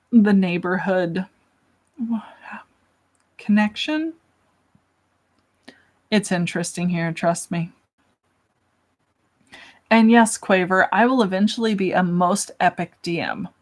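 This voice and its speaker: A young woman hosting a casual livestream, chatting and answering questions from chat in a self-deprecating way. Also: medium pitch.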